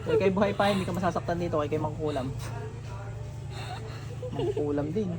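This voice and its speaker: A man with a high-pitched voice speaks briskly as a faith healer leading a healing ritual. He sternly taunts, questions and commands spirits, recorded amid the noise of a room.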